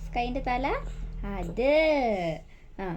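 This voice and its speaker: A woman's voice: a little high, very slow, a little mellow, dull audio, a little hiss or hum. A woman with a Malayali accent, a vlogging mother who talks to her baby in coaxing, teasing baby talk and chats to viewers. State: toothache. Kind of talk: family vlog, talking to baby and viewers.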